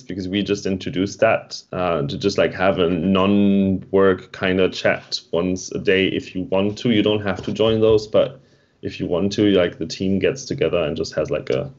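A meetup co-host streams from home, his deep, slightly mellow voice rambling along as he reads chat messages and answers them. The audio has a dull, lo-fi stream quality.

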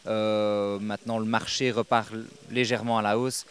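A man's voice: on the low side, little pitch movement, normal speed, fairly bright tone, smooth. A young man answering interview questions outdoors into a handheld microphone, businesslike and hesitant, with many fillers. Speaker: real estate agent. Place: outdoors on a lawn.

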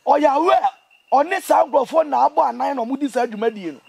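A young Ghanaian man giving an impassioned interview, speaking in an emphatic, indignant and animated way. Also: extremely high pitch, fairly quick, vocal fry. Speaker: interview guest, traditional priest. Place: outdoors among trees.

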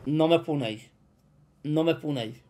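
A man with a Spain Spanish accent playing a quiz as a streamer, joking, boasting and breaking into shouts. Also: a little high, normal speed, slight background noise. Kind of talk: casual gaming commentary.

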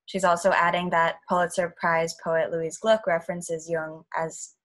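A woman's voice: on the low side, little pitch movement, moderate pace, fairly bright tone. A young woman moderating the Q&A on a video call, reading audience questions aloud.

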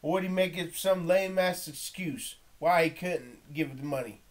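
Man critic, high pitched, preachy and confrontational, unscripted rant. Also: normal speed. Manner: preachy, confrontational, quotes old-style scripture aloud. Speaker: video critic reacting to a documentary. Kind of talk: impassioned off-the-cuff commentary.

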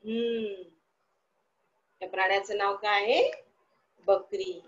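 Woman, teacher, online class for little kids, slow coaxing sing-song questions, dull lo-fi sound. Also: medium pitch, steady tone, fairly bright tone. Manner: asks the class questions and answers them herself. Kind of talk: online class lesson for young children.

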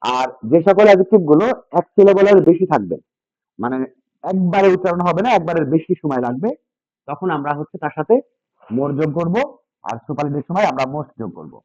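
A man's voice: a little high, lively intonation, brisk, warm tone, no room sound. A man teaching English grammar to a class, repeating key points and asking students questions. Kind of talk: classroom lesson with call-and-response. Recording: dull, dry lo-fi sound.

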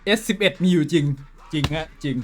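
A man streaming a game live, talking with his viewers in a profane, excitable way that swings between loud outbursts and quiet muttering. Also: a little high, quick pace, soft background music. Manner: switches between shouting and muttering. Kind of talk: casual live-stream commentary.

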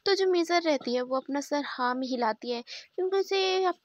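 A woman's voice: high-pitched, lively intonation, moderate pace, no echo, highs cut off. Chatty woman telling a story. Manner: chatty, rambling, with restarts. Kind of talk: casual story narration.

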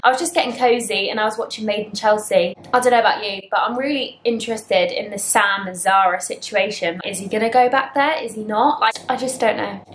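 A woman's voice: mid-range voice, brisk, few pauses, roomy sound, background noise. A woman, chatting upbeat to a handheld camera in her home kitchen. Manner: chatty and upbeat, lively exclamations. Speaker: vlogger. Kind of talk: casual chat to camera.

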